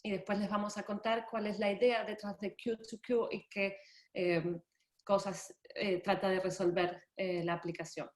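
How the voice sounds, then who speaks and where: A woman interpreting consecutively in an online presentation, careful and pausing as she translates. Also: mid-range voice, little pitch movement. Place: indoor room on a video call. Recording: roomy, echoey video-call sound.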